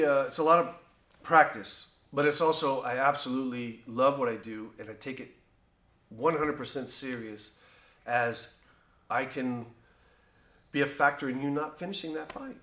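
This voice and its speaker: Animated man telling stories, echoey room. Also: a little high. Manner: animated, acts out quoted exchanges. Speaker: cutman and trainer. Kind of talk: conversational interview storytelling.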